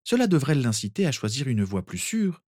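Hermione, a clever young witch who plans everything and speaks with earnest resolve, voiced by a man reading a storybook. Her voice sits higher than the reader's own, and it is dry and close. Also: sing-song, a little fast, darkish tone, husky, no echo, heavily acted. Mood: determined. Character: sharp clever young witch, determined planner. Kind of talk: audiobook character reading.

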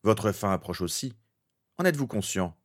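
A man's voice: fairly low pitch, big pitch swings, normal speed. A man voicing a brave young wizard hero in a fan fiction reading, earnest and determined. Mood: resolute.

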